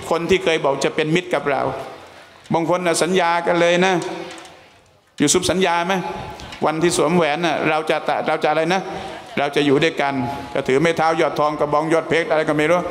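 A male religious teacher giving a storytelling sermon, questioning and addressing his listeners. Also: on the high side. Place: mosque hall. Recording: echoey mosque hall, faint noise.

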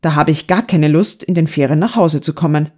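A woman's voice: sits low, fairly quick, a little mellow. A woman reading a stubborn young man who grumbles with mock solemnity in an audiobook. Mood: grumbling. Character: stubborn young man, the elder son, dramatic.

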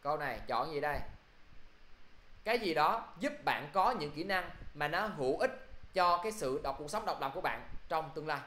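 A man's voice: on the high side, expressive, moderate pace, sharp tone, echoey room. A male teacher quizzing his class through an English review, often checking if they follow. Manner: quizzing students, repeating "được chưa?".

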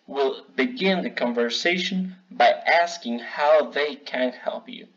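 A man teaching a bilingual customer service English lesson, modeling phrases slowly for learners to repeat. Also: a little high. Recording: dull lo-fi recording.

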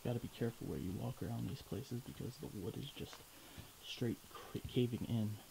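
A young man exploring a ruined house outdoors, narrating his vlog loudly to a handheld camera at arm's length, now and then dropping to hushed asides. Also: mid-range voice, brisk. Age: young adult. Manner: loud and excited, drops to hushed asides. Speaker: vlogger. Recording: outdoor camera audio with clear ambient noise.

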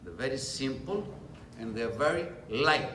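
A man's voice: mid-range voice, lively intonation, measured pace, a bit bright. A middle-aged man born in Greece, a chef speaking on a panel at a trade event. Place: large restaurant function room. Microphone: table mic on a stand, camera at a distance. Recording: roomy, distant, faint room noise.

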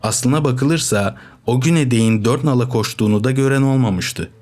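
A man reading a novel aloud as audiobook narrator, with steady, measured storytelling. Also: medium pitch. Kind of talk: scripted narration.

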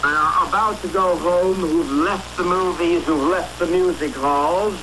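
Male field correspondent, old newsreel sound, slow grave delivery, lowish voice, heavy hiss. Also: fairly even intonation. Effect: old newsreel-style 1960s broadcast sound. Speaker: foreign correspondent. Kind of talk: live radio news report. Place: outdoors on a city boulevard. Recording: hissy 1960s radio broadcast.

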